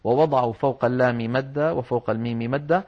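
A man teaching Quran recitation rules, explaining patiently and slowing down to demonstrate words. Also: mid-range voice. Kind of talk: religious lesson on Quran script and recitation. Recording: dull lo-fi recording.

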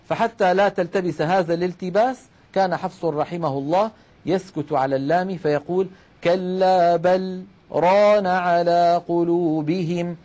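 A man's voice: high voice, a little mellow. A middle-aged man teaching the rules of Quranic recitation, explaining step by step, posing questions and answering them himself. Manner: addresses listeners as brothers. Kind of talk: religious lesson on Quranic recitation.

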